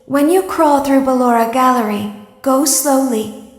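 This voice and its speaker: Ominous high-voiced animatronic, echoing. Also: female voice. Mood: calm, ominous warning. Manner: slow, deliberate, ominous. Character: small, eerie, soft-spoken female animatronic giving warnings. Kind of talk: scripted horror game dialogue. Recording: echoey hall with long reverb. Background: faint music.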